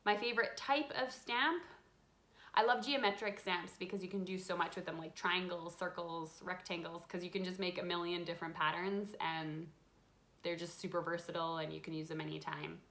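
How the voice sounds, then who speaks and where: A lowish-voiced woman in her thirties talks at a normal speed, hosting a laid-back live card-making Q&A for her craft channel. Between frequent ums she reads viewer questions from a desk in her home craft room, lit by a window.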